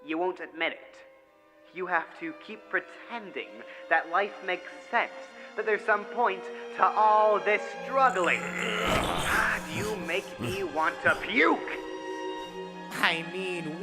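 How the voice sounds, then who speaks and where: A man voicing a manic, mocking, theatrical supervillain clown in a comic dub, taunting and swinging between hush and shriek. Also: on the high side. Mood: bitter taunting. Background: music.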